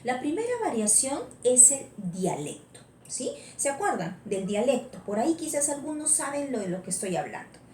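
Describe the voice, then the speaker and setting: Peruvian woman teacher, Lima accent, lively pitch, mellow tone, roomy echo, keeps asking students questions. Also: normal speed, few pauses, a little hiss or hum. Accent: Lima Peruvian Spanish. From Peru. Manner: asks frequent check-in questions. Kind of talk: online class lecture.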